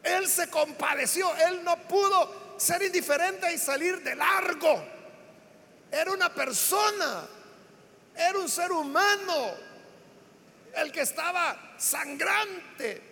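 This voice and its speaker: A man preaches a sermon in a high, bright voice, stacking repeated phrases and pushing into shouts on the words that matter. A gravelly fry roughens his lower notes. The voice rings out with a long reverb off a large church hall. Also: slow. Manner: emphatic, rising into shouts on key words; builds lists with repeated phrases.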